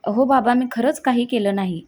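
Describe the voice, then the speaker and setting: A woman's voice: fairly high pitch, fairly quick, a little mellow, lightly acted. A woman doing a desperate young husband. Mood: pleading. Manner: pleading, shaky.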